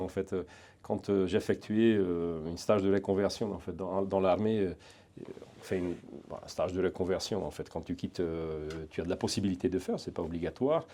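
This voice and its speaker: A middle-aged man from Hungary with a Hungarian accent, speaking French as a second language in a casual interview, halting with many restarts and fillers. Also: low voice, dark tone. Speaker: guest, security training center founder.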